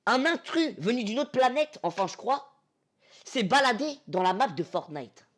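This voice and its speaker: A man's voice: very high-pitched, very animated, normal speed, fairly bright tone. A young man hosting a casual gaming live stream, telling the story in a hyped, theatrical way to his chat.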